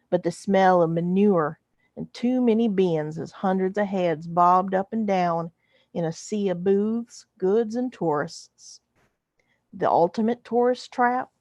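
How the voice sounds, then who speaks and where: In an exaggerated Texas drawl, a woman voices a wry, folksy alien drifter narrating a space western in the first person. Her mid-range delivery is dry and colloquial, and the recording has no echo but is missing its high frequencies.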